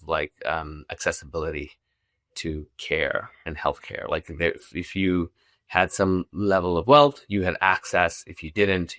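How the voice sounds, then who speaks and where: A man's voice: sits low, no echo, studio quality. A middle-aged man from Zambia, a company founder talking casually as a podcast guest, with many restarts and fillers. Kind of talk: casual interview chat.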